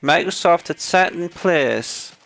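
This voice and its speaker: A man's voice: fairly high pitch, animated, slow, vocal fry, a bit bright. A man co-hosting a casual gaming chat show, ranting sarcastically and getting worked up about his topic. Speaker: podcast co-host.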